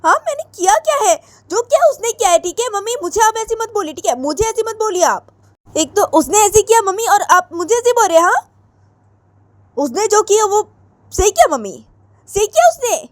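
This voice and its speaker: A woman voicing an angry, defiant young wife who fires back indignant questions in a shrill voice. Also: expressive, moderate pace, pauses often, darkish tone, dry recording. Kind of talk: amateur storytelling with acted voices.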